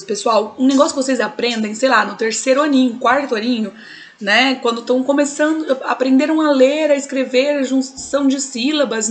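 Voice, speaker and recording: A woman with a Brazilian accent, a teacher explaining poetry to students in a recorded lesson, often checking in with them as she goes. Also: sits high. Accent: Brazilian Portuguese. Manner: explanatory, checks in with frequent tags.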